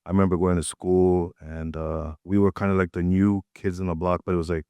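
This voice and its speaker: Deep-voiced Tanzanian-born man. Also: fairly quick, clear, resonant tone, dry recording. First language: Swahili. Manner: reflective, relaxed, with frequent fillers. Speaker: guest artist. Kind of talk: casual interview storytelling. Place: art gallery.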